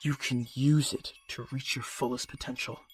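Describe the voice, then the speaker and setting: In an audio roleplay with music behind him, a voice actor plays a calm, persuasive magical creature specialist who speaks directly to the listener. His natural, slightly rough medium-pitched voice is measured, coaxing, encouraging, and instructive.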